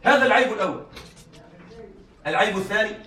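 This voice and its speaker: A man's voice: high voice, expressive, fast talker, sharp tone, slight background noise. A male teacher giving a classroom lecture, often checking that his students are following. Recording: echoey room, mic far off.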